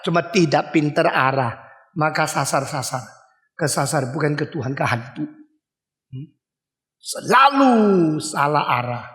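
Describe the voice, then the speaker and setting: An older man preaching a lively sermon, asking his listeners questions and acting out the people and animals in his story. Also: sits high. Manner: animated, acts out voices and dog barks, asks the audience questions. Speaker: pastor. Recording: long hall reverb.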